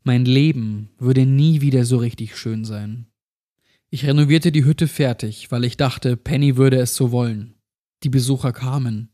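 A man narrating a first-person horror story in a measured, somber way. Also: mid-range voice, warm tone.

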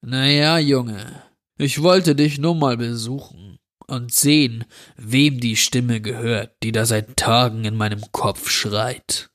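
A man voicing a menacing male intruder who grants children's wishes, speaking slowly with a drawl. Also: mid-range voice, fairly even intonation, a bit bright. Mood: cold. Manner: slow, drawling, sinister.

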